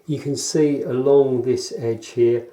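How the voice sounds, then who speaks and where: Slow-talking man in an echoey workshop. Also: medium pitch, fairly even intonation, dark tone. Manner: halting, measured, explanatory. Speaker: guitar maker presenting own build. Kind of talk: workshop demonstration, informal explanation. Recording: roomy, echoing workshop sound.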